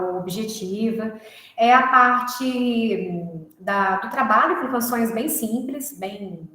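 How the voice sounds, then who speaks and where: A woman's voice: medium pitch, fairly bright tone. A woman music teacher explaining a recorded class, often checking in with short tag questions. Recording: very echoey room.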